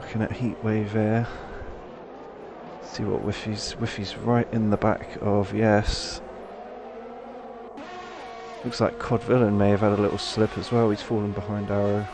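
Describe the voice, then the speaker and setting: A man doing excitable live play-by-play of a sim race with quick reactions to the action. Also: lowish voice. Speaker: race co-commentator. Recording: stream audio with clear background noise.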